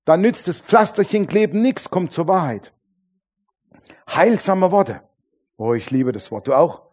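Male pastor, preaching, animated, somewhat high voice, plays people's voices and turns to the congregation with questions. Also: measured pace. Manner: animated, acts out voices of churchgoers; calls on the congregation with tag questions. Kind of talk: sermon.

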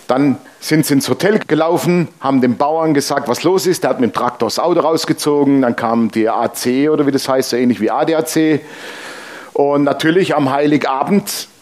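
A male pastor with a medium-pitched, somewhat dark voice preaches a sermon in a conversational storytelling manner. He shares personal anecdotes, presses the congregation with emphatic rhetorical questions, and exclaims "Amen."

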